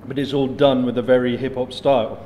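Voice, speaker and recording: A man's voice: mid-range voice, level tone, fairly quick, dark tone. A man interviewing a guest, asking questions in a friendly, casual way. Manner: friendly, eating while talking. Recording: faint background noise.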